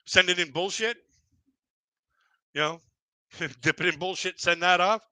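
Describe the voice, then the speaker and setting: Bright-voiced man in his fifties doing stand-up. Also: high voice, unhurried, clear, resonant tone, no room sound. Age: 50s. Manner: rambling, chuckles at own jokes, many fillers. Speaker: stand-up comedian. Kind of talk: casual live-stream stand-up.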